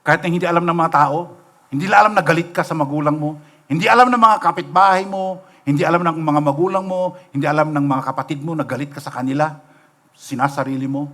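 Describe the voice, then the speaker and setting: Middle-aged Filipino pastor, sermon delivery, fairly high pitch, conversational and questioning. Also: male voice, fast talker, fairly bright tone. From Philippines. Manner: storytelling, rhetorical questions, mixing in English. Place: church sanctuary, livestream.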